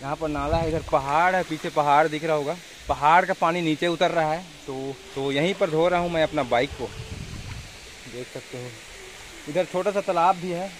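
Filming himself on a phone held at arm's length, a young man from India talks casually to camera out in his rural village, his Chhattisgarhi accent clear. His voice sits on the high side at a moderate pace, with a little hiss or hum on the recording.

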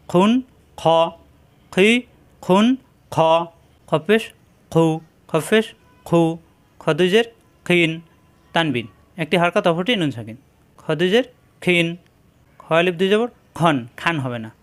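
Male Quran reading teacher, slightly high voice, patient repeat-after-me drilling. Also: fairly bright tone. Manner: slow, drilling repetition of syllables. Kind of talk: spelling out Arabic letters in a recorded lesson.

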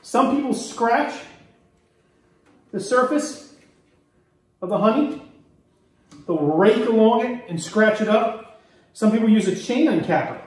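A middle-aged Maryland beekeeper talks through a hands-on honey harvest demonstration as he works, relaxed and explanatory. His voice is high-pitched, slow, and full of pauses. A camera mic a few feet away picks him up off-mic in an echoey indoor workroom with hard surfaces.

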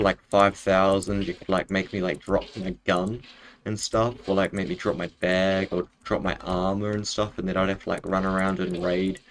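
A young man with a broad Kiwi accent and a lowish voice chats to viewers while he plays. He is laid-back and matey, calling people bro. There is clear noise behind him in the room. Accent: broad New Zealand. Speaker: game streamer. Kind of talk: casual live-stream chat while gaming. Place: bedroom, indoors.

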